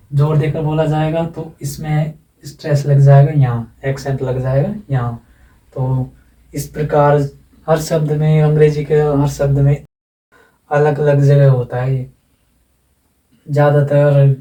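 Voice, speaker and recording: Male tutor with a mellow tone, patient and repetitive, recorded in a roomy space. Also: a little high. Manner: explains slowly with repetition and asides. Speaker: teacher. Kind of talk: classroom lecture on English phonetics. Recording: echoey room, from far off.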